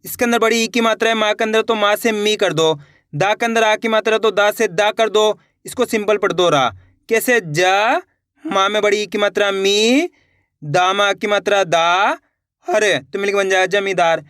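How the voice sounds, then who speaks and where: Male tutor, unhurried syllable-by-syllable drill, crisp voice, dry close sound. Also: sits high, fairly bright tone, dry recording. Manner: spells words slowly syllable by syllable, then repeats; addresses viewers as friends, patient and encouraging. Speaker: Hindi reading teacher. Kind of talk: online reading lesson.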